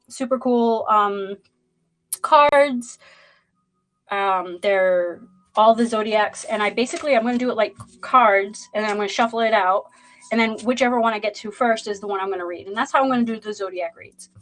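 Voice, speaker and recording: A Boston woman with a matching accent, a tarot reader, hosts a zodiac reading livestream, chatting loosely with lots of fillers and greeting viewers in the chat. Her mid-range voice is a bit bright at a moderate pace, and the recording is rough.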